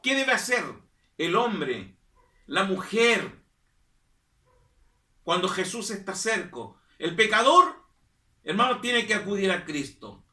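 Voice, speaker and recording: A man's voice: sits high, expressive, slow, pauses often, pushed and bright, far from the mic. A man preaching a sermon as pastor, stressing and repeating his phrases and calling the listeners brother. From Chile. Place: church hall. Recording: echoey room, voice from off-mic.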